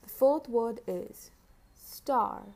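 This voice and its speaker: A woman's voice: fairly high pitch, takes it slowly, gravelly, warm tone. A woman teacher dictating single words and repeating each one for a children's dictation test.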